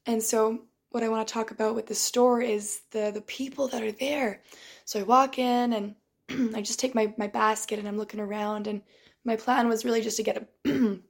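In a casual, thoughtful monologue at a moderate pace, a young woman talks with a flat, level pitch. Straining from shouting has left her voice tired, and she keeps pausing and starting over, clearing her throat between ideas.

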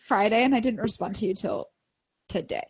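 A woman's voice: medium pitch, fairly quick, breathy edge, no room sound. A young woman co-hosting a podcast in casual chat, blunt and self-mocking, laughing often. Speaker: podcast co-host.

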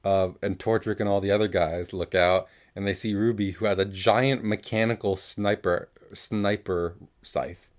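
A man's voice: on the low side, steady tone, moderate pace. A man co-hosting a casual recap show, talking loosely, swearing freely and acting out quotes. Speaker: podcast co-host.

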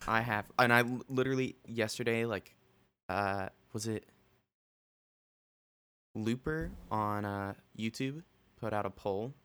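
A man with a fairly low voice rambles through a casual podcast conversation, restarting his sentences as he goes. He has the hiccups. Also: measured pace, pauses often, bright, forceful tone, clean tone. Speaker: podcast co-host. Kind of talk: casual chat.

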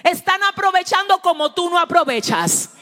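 High-voiced fervent woman preacher. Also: animated, moderate pace, big-room sound. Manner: fervent, swings from loud exclaiming to hushed asides. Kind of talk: sermon.

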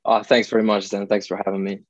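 Born in India and raised in Italy, this young man is a podcast guest explaining things conversationally, using everyday examples and saying "you know" a lot. He talks fast in a lowish, level voice. The recording is dry and dull.

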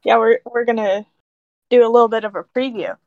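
A woman's voice: fairly high pitch, fairly even intonation, brisk, no room sound, highs cut off. A young woman co-hosting a casual podcast, dry and teasing, often laughing, on a poor-quality mic. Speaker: podcast co-host.

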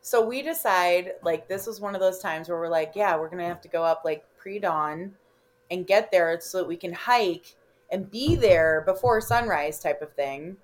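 A woman with a Chicago accent telling a story in casual chat, animated, laughing often and swearing freely. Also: fairly low pitch, normal speed. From Illinois. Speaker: podcast guest.

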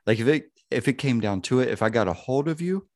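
A man's voice: medium pitch, expressive, fast, darkish tone, no echo, studio quality. A man around thirty hosting a casual podcast chat, rambling and profane, leaning on "you know what I mean.". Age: 30s.

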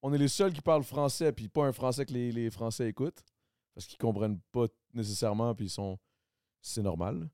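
A man with a Québécois accent hosts a podcast and keeps it loose, teasing his guest. His voice is smooth and sits in a middle register, recorded close and dry with no room sound. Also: medium pitch, a little fast, darkish tone, no room sound. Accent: Québécois French. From Quebec. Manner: teasing, joking banter. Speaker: podcast host. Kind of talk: casual chat.

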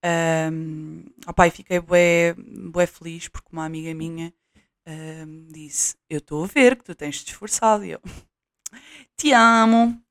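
A woman's voice: low-pitched, fairly even intonation, a little slow, dry recording. Young portuguese woman rambling to her viewers, lots of ums and restarts, dead dry room. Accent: European Portuguese. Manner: chatty, scattered, frequent fillers and restarts. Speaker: vlogger. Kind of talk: casual vlog chat. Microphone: new cheap USB mic, placement shifting.

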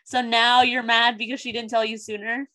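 A woman's voice: fairly high pitch, level tone, normal speed, pushed and bright. A woman co-hosting a casual book podcast, talking bluntly with lots of slang and emphatic asides.

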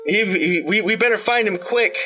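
Man voicing a high, urgent young girl on skates, bright tone. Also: normal speed.

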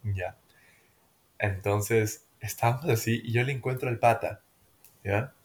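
A young man with a Peruvian Spanish accent, casually telling a party story on a podcast and acting out the dialogue in an animated, slangy way. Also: fairly low pitch, a little slow. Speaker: podcast co-host.

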